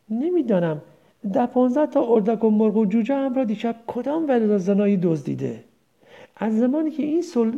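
A woman's voice: a little high, creaky, mellow. A woman voicing an old village mother who rambles tenderly and laments her son, on a dull lo-fi recording. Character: old village mother, grieving, confused, doting.

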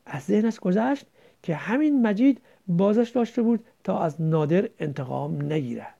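A man narrates a novel aloud in a lively storytelling manner. His voice is high and gravelly, with a warm, mellow tone. The recording is dull and lo-fi.

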